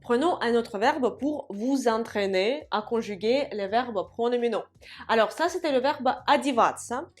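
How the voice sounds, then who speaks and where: A woman's voice: fairly high pitch, animated, a little slow. A woman with a Russian accent teaching a language lesson, explaining rules and saying each form twice for learners to repeat.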